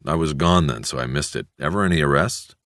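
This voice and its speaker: Weary male detective, very deep, curt and guarded, voiced by the narrator; dry close sound. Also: brisk, a bit bright, dry recording. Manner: low, clipped and guarded.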